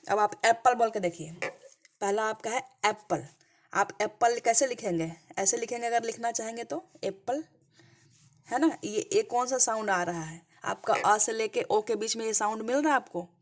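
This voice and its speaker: A woman teaching a grammar lesson over slides. She keeps asking the class questions and then answers them herself. She checks in again and again with short "clear?" and "okay" prompts. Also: on the high side.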